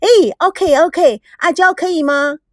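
Woman voicing an earnest, chubby schoolgirl; high and eager. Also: very animated, normal speed, dry recording, studio quality. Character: chubby eager teenage girl.

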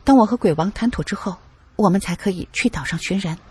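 A male storyteller voicing a confident young woman negotiator who speaks briskly and in a businesslike way. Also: sits high, husky, no echo.

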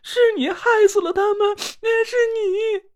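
A man's voice: steady tone, takes it slowly. A man voicing a hysterical eighteen-year-old girl sorceress, crying and screaming in a storybook reading. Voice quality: shrill, screaming. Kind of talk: audiobook character voice.

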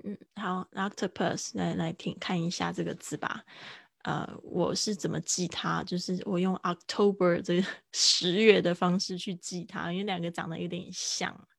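Gravelly low-voiced woman teaching vocabulary. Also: little pitch movement, dry recording, studio quality. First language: Mandarin. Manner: chatty, repeats words slowly to model pronunciation. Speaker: English teacher. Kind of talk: live-streamed vocabulary lesson.

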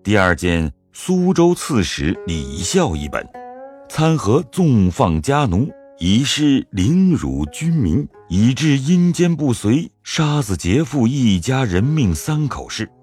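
Guy narrating an audio drama, lowish husky voice, lively delivery, soft music behind. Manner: measured, storytelling.

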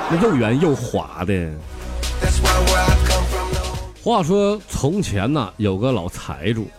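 A male comedian with a Northeastern Mandarin accent tells jokes in a slangy, animated way, stammering through quick restarts. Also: medium pitch. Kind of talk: stand-up joke telling.

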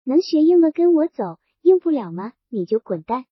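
A woman voicing a drunken, domineering middle-aged male landlord who talks in a gruff, mocking, bossy way, in a storybook reading. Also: high-pitched, big pitch swings, moderate pace, dry recording, lo-fi sound.

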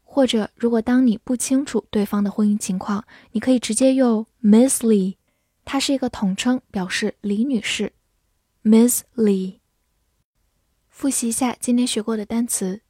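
Woman English teacher, slightly high, breathy, dry close sound; patient, repeats words. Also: warm tone, dry recording. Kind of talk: vocabulary lesson.

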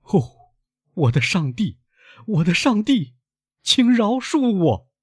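A man's voice: mid-range voice, wildly swooping pitch, normal speed, darkish tone, slight background noise, voice pushed up. A man reading an audiobook, voicing an earnest young sailor son who is devoted to his father, with an emphatic, pleading manner. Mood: anguished.

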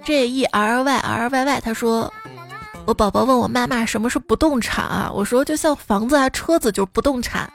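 A woman's voice: on the high side, a little fast, vocal fry, faint music behind. A woman radio host reading out listeners' funny stories about children, with teasing comic asides and playful imitations of the kids. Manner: playful teasing commentary, lively mimicking of children's lines.

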